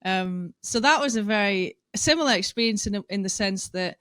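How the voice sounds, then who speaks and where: A woman's voice: mid-range voice, animated, moderate pace, a bit bright, no room sound. A woman from Shetland with a Shetland Scottish accent, hosting a podcast with introductions and interview questions. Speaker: podcast host.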